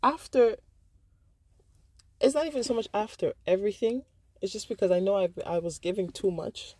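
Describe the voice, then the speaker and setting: A woman's voice: lowish voice, dark tone. Frank, profane woman telling a personal story. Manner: frank and profane, with lots of fillers, restarts and bursts of laughter. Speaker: vlogger.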